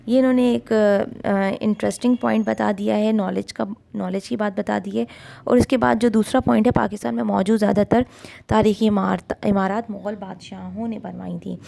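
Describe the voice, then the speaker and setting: A woman teaching a school lesson, explaining slowly with many fillers and English words mixed in. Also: mid-range voice, fairly even intonation, vocal fry, warm tone. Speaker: Urdu tutor. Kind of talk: online class lesson.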